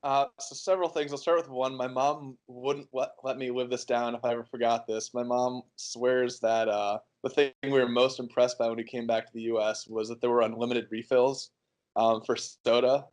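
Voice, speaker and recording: An American man in his early twenties answers interview questions in a relaxed, rambling way, full of fillers and restarts. His pitch is medium and his speed normal.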